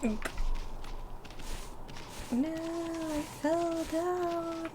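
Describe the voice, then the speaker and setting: A woman's voice: very high-pitched, steady tone, extremely slow, noisy background. A woman in her twenties chatting casually while gaming, self-mocking, swearing and laughing often. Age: 20s. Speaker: streamer.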